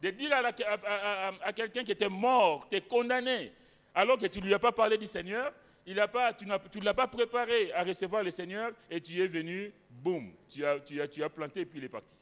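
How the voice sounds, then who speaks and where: A man's voice: high voice, fairly quick, fairly bright tone. A male pastor preaching a sermon in a church, emphatic, repeating phrases with many restarts. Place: church hall. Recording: long hall reverb.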